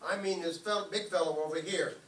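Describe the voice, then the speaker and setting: In an old-time radio comedy performed before an audience, a man plays an eager, naive teenage schoolboy who gushes folksy slang. His voice is high, a little fast, and a bit bright, his mood cheerful. The sound is roomy, from a distant mic, with faint noise.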